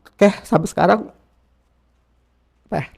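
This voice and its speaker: High, gravelly man from Jakarta. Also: unhurried. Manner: rambling, repeats phrases, emotional; slangy informal speech. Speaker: interview guest. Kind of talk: casual confessional interview talk.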